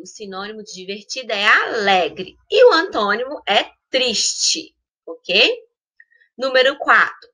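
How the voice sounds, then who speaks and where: A woman teacher with a Brazilian Portuguese accent, going through a recorded school lesson, drawing out each word slowly and often checking in with the students. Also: fairly high pitch, bright, forceful tone. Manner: slow, drawn-out spelling of words with frequent check-ins.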